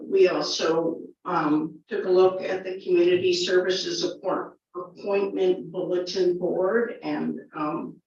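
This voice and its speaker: Hoarse woman legislator, slow and halting committee report, distant mic in an echoey room. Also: lowish voice, a little hiss or hum. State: losing her voice. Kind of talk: formal meeting report. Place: county legislature meeting room. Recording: dull, echoey chamber audio from a distant mic.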